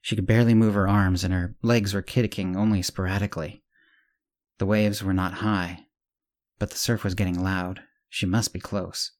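A man hosting a podcast and reading a serial story aloud, measured and steady, with small self-corrections. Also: low-pitched. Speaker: host and narrator. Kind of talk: scripted narration of a serial story.

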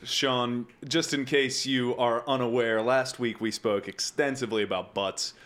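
A man's voice: medium pitch, steady tone, unhurried, fairly bright tone. A young man hosting a casual podcast, rambling and joking with his co-hosts. He laughs often and sounds a little tipsy, with an ordinary mid-range voice. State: drinking while recording. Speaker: podcast host.

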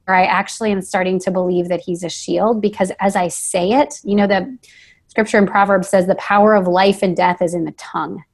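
A woman's voice: medium pitch, fairly even intonation, a little fast. A woman being interviewed as a guest author, talking in a casual, earnest and reflective way, often saying "like" as she thinks aloud.

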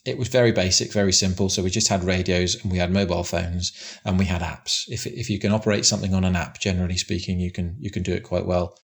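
A construction site manager speaks in a low, creaky voice with a steady tone, moving quickly and barely pausing. His talk is casual and plain, delivered in a big voice, and he often restarts and repeats words while giving relaxed interview answers.

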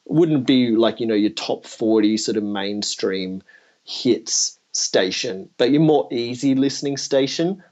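A man's voice: on the low side, a little mellow, lo-fi sound. A man hosting a podcast in a casual, chatty style. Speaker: podcast host. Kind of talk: casual chat.

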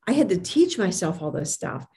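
A woman's voice: medium pitch, sing-song, normal speed, warm tone. A woman confidence coach giving an emphatic motivational talk, with imprecise R and S sounds, occasional stumbles over words and phrases repeated for effect. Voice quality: speech impediment on R and S sounds. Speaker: confidence coach and public speaker. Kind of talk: motivational talk with personal anecdotes.

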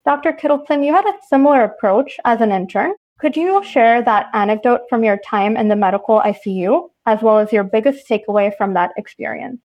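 A woman's voice: a little high, expressive, a little fast, hardly any pauses, highs cut off. A woman in her twenties, a medical student, asks prepared questions in an earnest and polite way on a podcast. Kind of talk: podcast interview.

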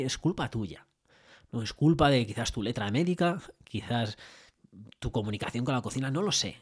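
A man's voice: medium pitch, husky. A man with a Spain Spanish accent, giving a motivational business talk and coaching listeners through lots of rhetorical questions and tag questions. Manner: animated storytelling with acted-out dialogue.

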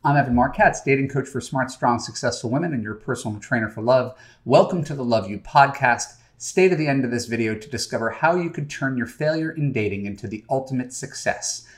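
A man's voice: medium pitch, brisk, few pauses. A middle-aged man, a dating coach, hosting a podcast and talking directly to listeners in a conversational way with frequent fillers. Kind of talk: podcast monologue.

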